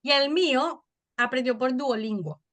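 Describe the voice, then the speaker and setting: Chatty Venezuelan woman, bright voice. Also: high-pitched. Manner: animated storytelling, quick and chatty. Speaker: podcast guest. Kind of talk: casual interview chat.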